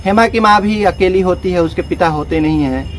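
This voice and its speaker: A man's voice: sits high, brisk, slight background noise. A man casually narrating a story, talking to his listeners as friends in loose, repetitive phrasing.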